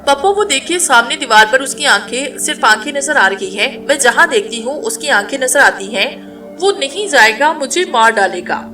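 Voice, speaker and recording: A woman's voice: high voice, animated, moderate pace, sharp tone. Woman voicing a terrified schoolgirl, pleading, faint music, distant mic. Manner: desperate, pleading. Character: terrified teenage schoolgirl haunted by a spirit.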